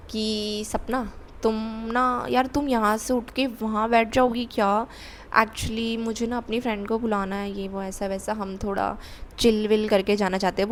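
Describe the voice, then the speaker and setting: A woman's voice: mid-range voice, a little hiss or hum. A young woman vlogger telling a candid personal story, repeating words for emphasis. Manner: candid, confessional, with emphatic repetition.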